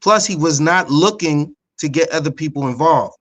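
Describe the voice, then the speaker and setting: A man's voice: fairly high pitch, lively intonation, normal speed, fairly bright tone. A man co-hosting a sports podcast, arguing his point insistently and repeating himself for emphasis. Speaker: podcast co-host. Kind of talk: casual sports debate.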